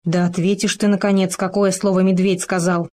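A woman's voice: lowish voice, flat delivery, fairly quick, a little mellow, lightly acted. A woman voicing a caring but strict male hamster in a fairy tale. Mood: concerned. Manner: worried, then stern.

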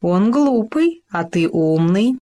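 A woman's voice: medium pitch, expressive, a little slow, darkish tone. A woman voicing a sly, scheming female fox in a storybook reading, talking in a sugary, wheedling way. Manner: sugary, wheedling, then fretful.

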